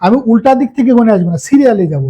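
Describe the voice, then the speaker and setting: A man's voice: very high voice, animated, racing, mellow, slightly rough, muffled recording. A man giving a chemistry lecture, explaining step by step and often checking if students follow. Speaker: chemistry teacher. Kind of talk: classroom lecture.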